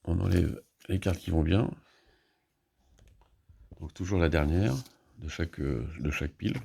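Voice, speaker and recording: A man walks through his board game turns in a relaxed, halting way, often stopping to restart a phrase. His voice sits very low with a gravelly fry and a husky edge. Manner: hesitant, many fillers and restarts, thinking aloud. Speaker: board game player explaining a solo playthrough. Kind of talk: casual play-by-play explanation.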